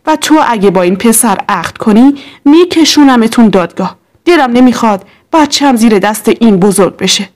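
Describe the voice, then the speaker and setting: A woman's voice: fairly high pitch, expressive, darkish tone, natural voice. A woman reading the lines of a sneering, taunting ex-husband in a storybook. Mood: scornful. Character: bitter, mocking ex-husband, adult man.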